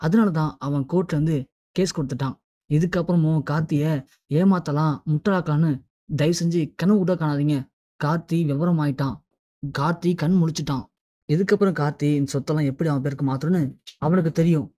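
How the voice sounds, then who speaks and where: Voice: medium pitch, brisk, warm tone, no echo, studio quality, natural voice. A narrator reading the lines of a scornful, scheming woman who taunts her family in a retold TV serial. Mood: taunting. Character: scheming, mocking woman of the house.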